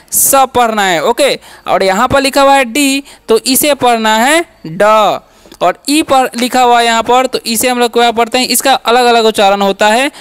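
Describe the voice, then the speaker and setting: A man with a very high voice teaches, asking a question and then answering it himself. He checks in with "okay" after nearly every line. His voice is smooth and resonant. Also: fairly bright tone. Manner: drills with repeated questions and answers; frequent "ठीक है" and "okay" check-ins. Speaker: English teacher. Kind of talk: classroom-style lesson.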